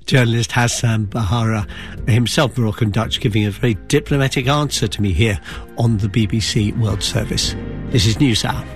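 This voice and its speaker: A man presenting radio news and interviewing a guest, measured, clear and conversational. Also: fairly low pitch, faint music behind.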